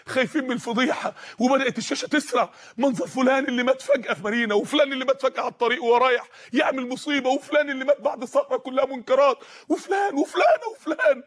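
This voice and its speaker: A man's voice: very high-pitched, a bit bright. A man with an Egyptian accent preaching an impassioned sermon, appealing to his listeners with repeated questions and a voice often close to tears. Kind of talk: emotional storytelling sermon.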